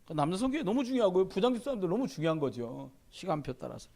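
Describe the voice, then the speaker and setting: A middle-aged man preaching a sermon as pastor, telling stories with lively quoted dialogue. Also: high voice, very fast, gravelly. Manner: animated storytelling, shouting in quoted dialogue.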